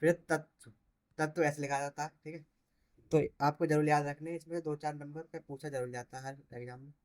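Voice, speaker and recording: Man, teacher, exam-prep spelling lesson, slightly high voice, calls words out loud then explains softly. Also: flat delivery, a little fast. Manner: drills each word as wrong then right, stressing key words louder.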